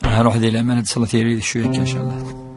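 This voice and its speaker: A man's voice: mid-range voice, little pitch movement, over music. A man answering listeners' questions on a live call-in radio show, greeting each caller by name. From Algeria. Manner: brisk, reads out callers' names and greets them. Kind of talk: live call-in religious advice.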